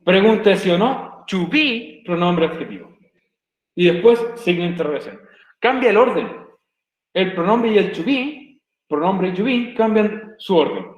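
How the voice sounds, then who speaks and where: A man's voice: high voice, expressive, normal speed, muffled recording. A male teacher explaining grammar patiently in an online class, repeating each step. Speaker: English teacher. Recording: echoey room.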